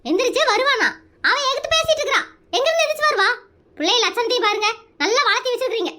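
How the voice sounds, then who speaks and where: Someone voicing a shrill nagging cartoon mother. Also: lively intonation, very fast, heavily acted. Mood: scolding. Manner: nagging, yelling threats. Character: scolding frazzled young mother, shrill temper. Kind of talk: Tamil cartoon comedy dub.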